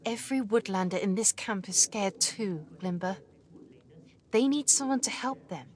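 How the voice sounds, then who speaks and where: A woman's voice: medium pitch, moderate pace, lightly acted. An actress playing a brave young female mouse scout in a video game, earnest and encouraging.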